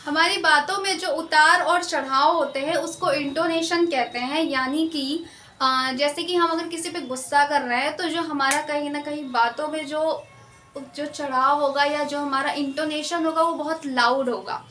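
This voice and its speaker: A woman teacher with an Indian accent, giving an exam-prep lecture and slowly explaining key terms, repeating them and mixing in English words. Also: high voice, fairly even intonation, pushed and bright, reverberant.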